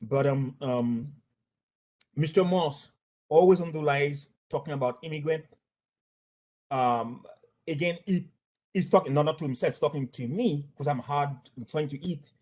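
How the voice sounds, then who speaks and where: This Haitian-accented man, once a bank employee, recounts workplace incidents spontaneously as testimony, stumbling and repeating words and phrases. His voice is fairly high and a little mellow.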